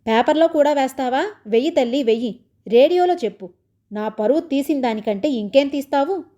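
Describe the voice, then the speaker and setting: Indignant young brother in a storybook, exasperated complaining; a woman reads him, soft mellow voice. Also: on the high side, lively intonation, moderate pace, muffled recording.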